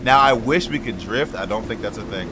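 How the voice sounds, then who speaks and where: A man's voice: fairly low pitch, a little fast, noisy background. A man giving casual, joking commentary while playing a video game, swearing a lot, using slang and talking to the characters on screen. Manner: talks to game characters as he plays. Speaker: gaming video creator.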